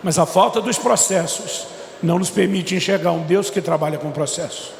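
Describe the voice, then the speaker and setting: A middle-aged man preaching a sermon to a congregation, telling stories and acting out both sides of a conversation with lively retold dialogue. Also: high voice, normal speed, gravelly, a little hiss or hum. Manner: animated storyteller, voices quotes of himself and his son. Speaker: pastor. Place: large church hall. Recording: echoey church hall with reverb.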